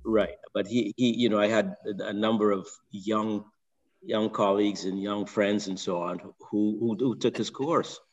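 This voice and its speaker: An older man with a Barbadian accent from Barbados, calling in with a long, halting comment full of restarts and repeated words. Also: fairly low pitch, fairly even intonation, dull audio. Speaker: caller. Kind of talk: call-in question. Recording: long reverb.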